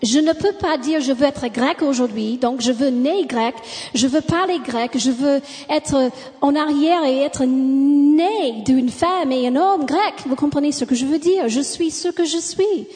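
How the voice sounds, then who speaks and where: A woman's voice: high voice, unhurried, few pauses, a little mellow. A woman preacher with an American accent in French, a native English speaker, delivering a sermon punctuated with amens and hallelujahs. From United States. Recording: long hall reverb.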